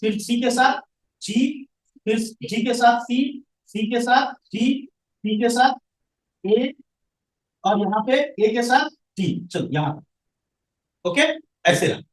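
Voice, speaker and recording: A very high-pitched, expressive male voice moves slowly with long pauses. This science teacher lectures his classroom, quizzing students and answering his own questions, and he's picked up far from the mic in an echoey room.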